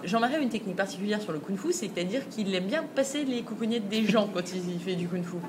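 A woman co-hosting a podcast, chatting in a lively, amused way. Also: mid-range voice, fast talker, background noise. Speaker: podcast co-host. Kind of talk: casual chat.

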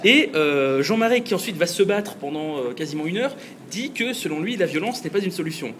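Chatty man with a higher voice. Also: animated, a little fast, background noise. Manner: chatty, laughs often. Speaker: podcast host. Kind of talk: casual podcast chat.

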